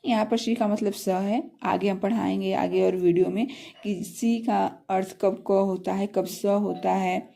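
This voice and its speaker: Gravelly-voiced woman teaching pronunciation. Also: mid-range voice, steady tone, mellow. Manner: spells words out slowly letter by letter, repeats meanings. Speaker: English teacher. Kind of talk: spelling and pronunciation lesson.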